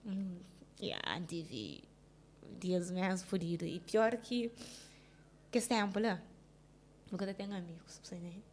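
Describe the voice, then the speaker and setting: A woman with a Cape Verdean Creole accent telling a personal story in an interview, halting and restarting, often asking if the listener understands, subdued with sudden bursts of emphasis. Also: on the low side, animated, darkish tone, a little hiss or hum. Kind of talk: personal account in a casual interview.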